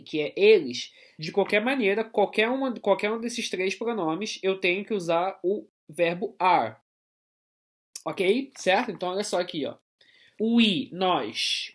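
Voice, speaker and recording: A man with a Brazilian Portuguese accent, an English teacher giving a recorded grammar lesson to schoolchildren, explaining patiently and checking in often. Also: sits high.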